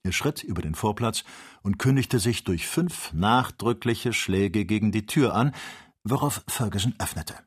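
A man reading an audiobook, narrating in a steady, even manner. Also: on the low side, unhurried, husky. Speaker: audiobook reader. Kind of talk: scripted narration.

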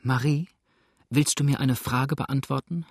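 A man's voice: medium pitch, steady tone, unhurried, gravelly, dry recording, studio quality, voice pushed up. A man voicing a distraught young woman who pleads through tears in a storybook reading. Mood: pleading tearful. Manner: tearful, pleading.

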